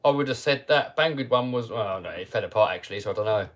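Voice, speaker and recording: This livestream host has a fairly low voice with lively intonation and a fast delivery. The chat is casual; he laughs often, talks easily and reads questions from viewers out loud.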